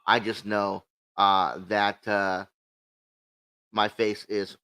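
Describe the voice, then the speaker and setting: A man's voice: on the low side, flat delivery, drawn-out words, pushed and bright, smooth. A man co-hosting a livestream in casual, sweary chat, talking with a swollen lip. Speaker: co-host of a cigar show.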